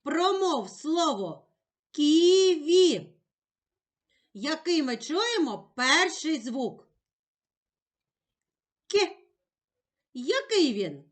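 A woman teacher giving a slow, clearly spoken lesson for young children, drawing out the words and sounds she stresses. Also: high voice, sing-song, fairly bright tone. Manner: drawn-out, sing-song emphasis on words and sounds.

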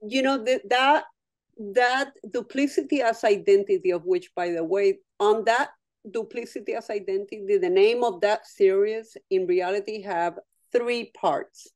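Over a video call from home, a woman artist whose native language is Spanish reflects thoughtfully in an interview, frequently restarting sentences and repeating words. Her medium-pitched voice is a little mellow and measured in pace, with no room sound.

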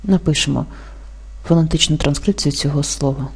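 A woman teaching an exam-prep language lesson, explaining rules slowly and carefully and spelling out example words. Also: low voice, breathy edge. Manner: slow, careful dictation-like delivery.

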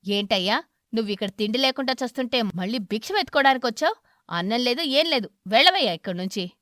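A hot-tempered crow husband in a cartoon story, loud and harsh as he scolds, with a woman narrator putting him on. The voice is dry and close. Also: on the high side, brisk, no room sound, natural voice.

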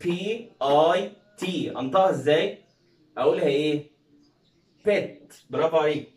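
An Egyptian-accented man in a slightly high register runs a pronunciation lesson, repeating word lists and quizzing in a call-and-answer way. The sound is roomy and echoey, picked up from some distance off the mic. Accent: Egyptian Arabic. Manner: drills words slowly, asks and answers his own questions. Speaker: English teacher.

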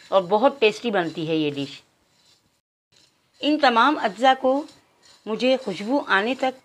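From her home kitchen, a cooking-channel host takes viewers through a recipe one step at a time, speaking to them formally and counting out every measure. She has an on-the-high-side, fairly bright voice.

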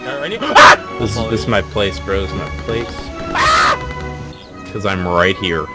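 A man in casual gaming banter on a voice chat, with loud sound behind him. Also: on the low side, normal speed, loud music behind the voice. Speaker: gamer.

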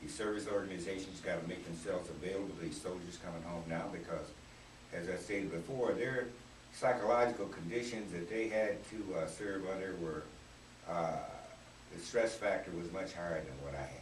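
A man in his sixties, a Vietnam veteran, reflecting haltingly on a radio roundtable with many fillers. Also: low voice. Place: small radio studio. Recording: roomy, distant camera audio with faint noise.

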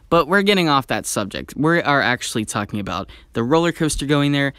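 A man talking in an excited, chatty way as a theme park vlogger, sharing strong opinions in video commentary. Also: mid-range voice, clean tone, no echo.

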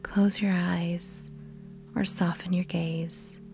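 With music clearly playing underneath, a woman guides a scripted meditation at an extremely slow, measured pace, leaving pauses after her instructions. She keeps her pitch very even, and her gentle, breathy tone often sinks to a whisper.

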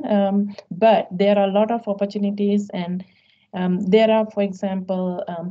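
A middle-aged woman, a professor as featured guest, answering questions in a measured, explanatory way with frequent ums over a video call. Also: medium pitch, mellow. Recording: dull lo-fi video call audio.

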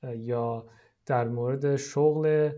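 A teacher giving a recorded video lesson, explaining in everyday speech and reading English lines very slowly, word by word, for pupils to repeat. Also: mid-range voice, steady tone, dark tone, dull audio.

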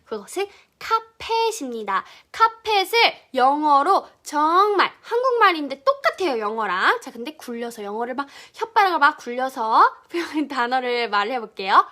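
A young woman teaching a children's pronunciation lesson, her voice high and bright. She talks at an unhurried pace and repeats each word clearly. Her pitch rises and falls in a very lively way.

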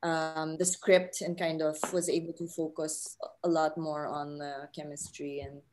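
Speaking from her living room through a laptop mic on a video call, a woman in her thirties from the Philippines answers interview questions casually and reflectively, with some hesitation. She's a film writer and director on a panel. Her low voice is level, measured and a little mellow, with a little hiss or hum.

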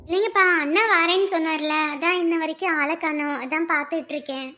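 A woman playing a fussy, warmly scolding mother figure in a family drama. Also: very high voice, fairly even intonation, fast. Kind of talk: dubbed family serial drama.

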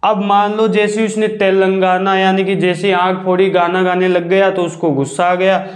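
High-voiced man teaching in an echoey room. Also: little pitch movement. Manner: repeats questions and answers them himself, drawn-out key words. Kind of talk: classroom mnemonic lesson.

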